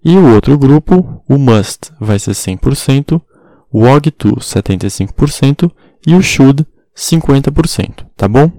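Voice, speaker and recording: A man's voice: mid-range voice, lively intonation, unhurried, mellow, dry recording. A man teaching an English lesson in Portuguese, spelling words letter by letter and checking in often with his students. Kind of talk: explanatory online lesson.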